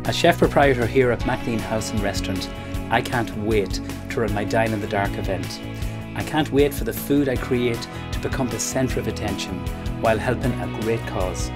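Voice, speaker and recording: A man's voice: fairly low pitch, moderate pace. A man with an Irish accent, a chef proprietor, talking through his dishes and hosting diners in a chatty, upbeat way. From Ireland. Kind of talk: documentary voice-over and hosting. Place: restaurant kitchen and dining room. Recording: roomy, with music behind.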